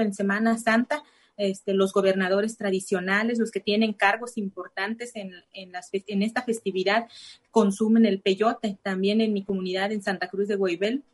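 In Spanish, with medium pitch, a Cora (Náayeri)-speaking woman from Nayarit, Mexico, gives her testimony as an interview guest. Her speech is halting, marked by many restarts and fillers.

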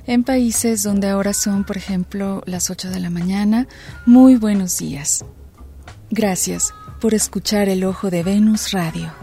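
A woman's voice: medium pitch, fairly even intonation, moderate pace, few pauses, warm tone. A woman radio host speaking to her listeners on a late-night programme. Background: music.

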